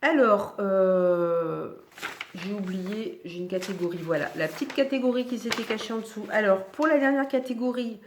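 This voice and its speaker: Woman book vlogger, casual and hesitant, mid-pitched, recorded in a roomy space. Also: normal speed, slight background noise. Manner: chatty, hesitant with many fillers and restarts. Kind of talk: casual book review chat. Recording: echoey room.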